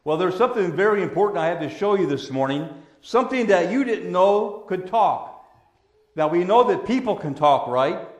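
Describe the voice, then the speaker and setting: A man preaching a children's sermon as a pastor, gentle and patient like a Sunday school teacher, using simple words and questions. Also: sits high, animated, moderate pace. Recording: echoey room.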